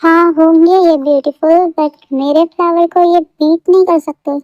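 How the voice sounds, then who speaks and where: A woman's voice: extremely high pitch, fairly even intonation, moderate pace, darkish tone, no echo. A woman voicing a teasing mafia boss husband. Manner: playful, flirty, boastful. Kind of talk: fan audio story. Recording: dull lo-fi dry recording.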